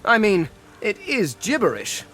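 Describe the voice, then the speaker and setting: A man's voice: high-pitched, big pitch swings, measured pace, bright, forceful tone, full character voice. An actor playing a haughty, condescending ancient male being in a video game, speaking in an arch, mocking tone.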